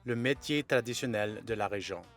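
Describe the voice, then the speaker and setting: A man's voice: fairly low pitch, moderate pace, fairly bright tone, faint music behind. A man, hosting and narrating a documentary interview. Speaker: host and interviewer.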